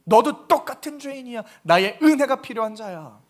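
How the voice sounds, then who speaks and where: A man's voice: extremely high pitch, animated, brisk. A man preaching, who voices God sternly scolding a proud sinner.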